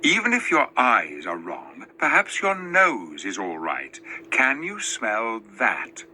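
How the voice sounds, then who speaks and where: Lucy, earnest lively-voiced girl, played by a man. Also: medium pitch, slow pace, a little hiss or hum, exaggerated voice. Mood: coaxing. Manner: pleading, earnest. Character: kindly, tender-hearted girl queen, earnest. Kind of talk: dramatized storybook reading.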